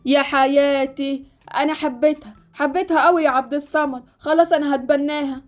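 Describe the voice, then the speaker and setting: A woman voicing a stingy, sharp-tongued poor mother with an Egyptian accent, scolding fast in a Roblox story. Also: high voice, fairly even intonation, faint music behind, lightly acted. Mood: doting. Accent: Egyptian Arabic. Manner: scolding, penny-pinching.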